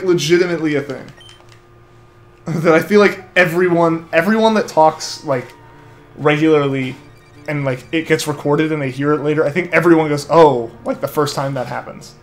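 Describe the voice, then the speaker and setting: A rambling young adult man chats casually on a live stream, reading viewer comments aloud and saying "like" over and over. His voice is on the high side. He speaks into a headset mic that feeds back into his headphones.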